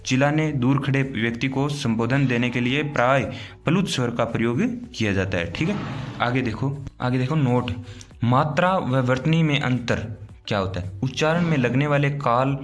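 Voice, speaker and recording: A man teaching an exam-prep grammar lesson, explaining step by step and answering his own questions. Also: medium pitch. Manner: explains step by step, often asks "theek hai na?"; asks questions, then answers them himself.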